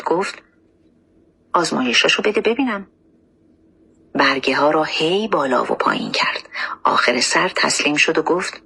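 Husky, hushed woman memoir narrator. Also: sits low. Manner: soft, often hushed and emotional reading. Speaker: audiobook narrator. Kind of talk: first-person memoir narration.

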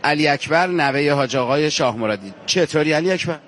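Fervent male reporter, slightly high voice. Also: animated, a bit bright. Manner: fervent, emphatic, addresses viewers directly. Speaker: on-location reporter. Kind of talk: street interview on a pilgrimage walk.

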